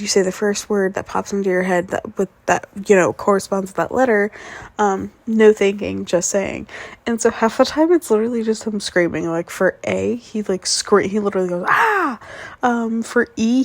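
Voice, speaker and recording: A woman's voice: mid-range voice, vocal fry, darkish tone, no echo. A woman in her twenties, raised speaking English and Spanish, rambling sleepily and casually with lots of fillers in a whispered role-play as a fiancée. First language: grew up speaking English and Spanish. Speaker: ASMR performer playing a fiancée.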